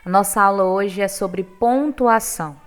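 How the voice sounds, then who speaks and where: A Brazilian woman teaching a grammar class in a relaxed, talky way, with a voice of middling pitch. She keeps tossing "right?" at her students and jumps up in pitch and volume when she stresses a point. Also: a little slow. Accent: Brazilian Portuguese. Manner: conversational, checking in with frequent "right?" tags; emphatic, with sudden lifts in pitch and volume. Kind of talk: online grammar lesson.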